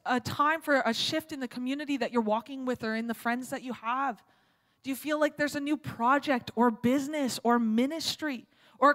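A woman preacher who delivers her sermon in a casual, animated storytelling way, dropping in slang. Her voice is somewhat high and rings out in a long hall reverb.

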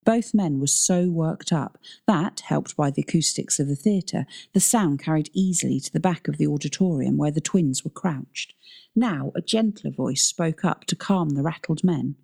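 A woman reading a novel aloud in measured, scripted narration. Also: low-pitched, creaky, mellow, slightly rough. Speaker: audiobook narrator.

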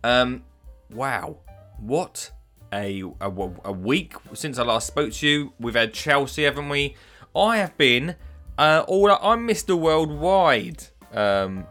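A man's voice: medium pitch, pushed and bright. A man hosting a gardening podcast, talking in an upbeat, chatty way with scattered ums. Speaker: podcast host, gardening educator. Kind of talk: casual podcast chat.

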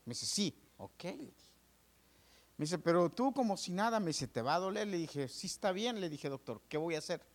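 A pastor gives his testimony from the pulpit, slightly higher-pitched than most men. He tells it with lively swings, acting out the doctors and nurses and turning to his listeners as brothers. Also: moderate pace. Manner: animated storytelling, addresses listeners as brothers; acts out dialogue with doctors and nurses. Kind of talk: sermon testimony.

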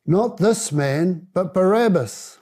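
A man's voice: high-pitched, lively intonation, slow, dark tone, breathy edge, voice pushed up, exaggerated voice. A man reading as an angry accusing crowd. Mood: insistent.

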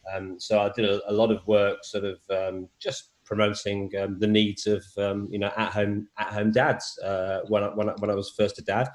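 A middle-aged Englishman who advocates for men's health answers interview questions hesitantly, with many fillers, restarts and repeated words. His faint English accent has been softened by years in Australia. His fairly low voice is completely flat, at a moderate pace with hardly any pauses.

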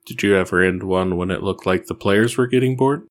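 A man's voice: low voice, fairly quick. A man interviewing a game master with short, plain questions.

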